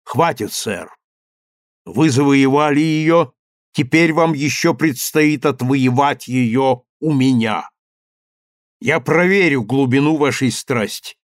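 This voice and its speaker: A man voicing a stern, reproachful middle-aged father in an audiobook, speaking low and bitterly. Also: slow, no echo, clean studio sound, close to an everyday voice. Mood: commanding.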